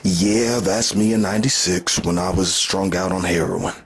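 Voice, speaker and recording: Man acting a brash, loud streetwise lover. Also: low-pitched, moderate pace, husky. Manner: brash, slangy, casual. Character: blunt, cocky streetwise lover making crude confessions. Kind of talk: comic character monologue.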